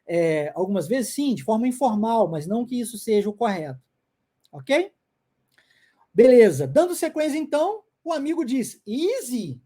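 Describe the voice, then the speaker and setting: A Brazilian woman teaches an English lesson online, her speech sliding up and down with lots of melody. Her voice sits a bit high but sounds warm and mellow. She drills short phrases again and again and keeps checking that the listener is following. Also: moderate pace. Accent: Brazilian Portuguese. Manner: animated, drills phrases by repetition, frequent check-in tags.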